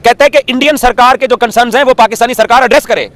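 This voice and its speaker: A man driving a heated talk show discussion in a rapid, combative, pressing way. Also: very high voice, fairly even intonation, fairly bright tone, no echo.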